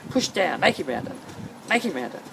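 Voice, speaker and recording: A woman's voice: sits low, sing-song, a little fast, creaky. Woman coaching riding, noisy outdoor recording. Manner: insistent, repetitive short commands. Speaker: horse-riding instructor. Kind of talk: calling out coaching instructions during a riding lesson. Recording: outdoor noise over camera microphone. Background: outdoor ambient noise.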